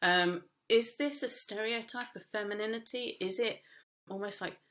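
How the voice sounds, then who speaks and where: A woman's voice: on the low side, a bit bright. A woman teaching a media studies lesson, explaining casually with frequent fillers and restarts. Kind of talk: recorded lesson.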